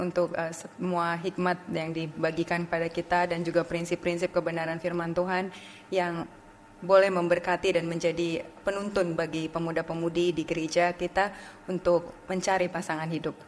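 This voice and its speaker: Lady host closing the podcast, formal, kinda low and monotone, echoey. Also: a little hiss or hum. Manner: measured, formal thanks. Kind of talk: podcast sign-off.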